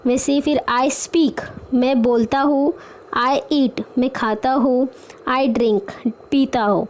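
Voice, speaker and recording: A woman teacher with an Indian accent, her voice pitched high as she walks young pupils through a lesson. She reads English lines slowly before explaining them in Hindi. A faint hiss of noise sits under the recording. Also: fairly even intonation, a little mellow, poor audio. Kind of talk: explaining a textbook story to children.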